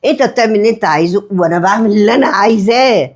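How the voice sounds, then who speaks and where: A woman playing a stubborn, sharp-tongued middle-aged mother-in-law with an Egyptian accent, blunt and defiant in her quick retorts. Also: mid-range voice, lightly acted. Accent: Egyptian Arabic.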